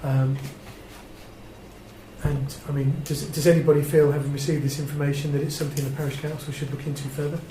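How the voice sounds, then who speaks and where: A mellow voice on the high side, with little pitch movement and a slightly quick pace, belongs to an English man chairing a formal parish council meeting. He is polite and procedural but somewhat hesitant, and the indoor room sounds echoey with clear background noise.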